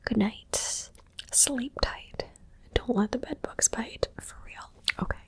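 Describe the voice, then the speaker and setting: A woman whispering an ASMR roleplay in a soft, teasing and playfully bossy way. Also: fairly high pitch, takes it slowly, slightly rough. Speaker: ASMR creator.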